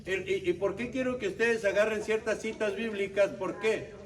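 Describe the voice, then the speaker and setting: A lay intercession-ministry instructor leads a church prayer group, his high-pitched voice steady in tone and moderate in pace. He teaches carefully and checks frequently that listeners keep up. Faint background noise and a distant mic mark the recording.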